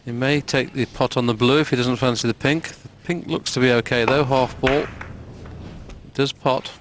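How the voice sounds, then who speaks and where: A man giving hushed, measured and analytical live snooker commentary. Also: mid-range voice, fairly even intonation, noisy background. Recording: audience and clicking sounds behind. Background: snooker hall audience, clicks.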